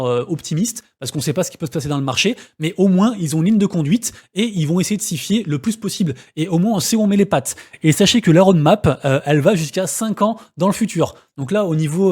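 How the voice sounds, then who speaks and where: A man's voice: fairly high pitch, a little mellow, slightly rough. A man explaining a crypto game project in a casual, rambling video, with many fillers and restarts. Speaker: crypto YouTuber.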